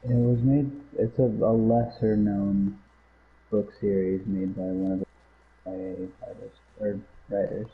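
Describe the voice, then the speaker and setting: A man's voice: lowish voice, flat delivery, a little slow. A man in casual, hesitant chat on a bad headset, his voice muffled as if talking into a cup. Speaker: stream co-host. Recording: tinny, phone-like headset sound.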